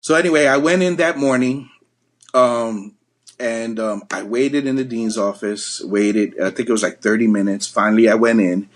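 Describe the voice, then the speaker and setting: In a mid-range voice at a moderate pace, a middle-aged Bronx man recounts a tale from his younger days while guesting on a podcast. The casual storytelling wanders, full of ums and false starts.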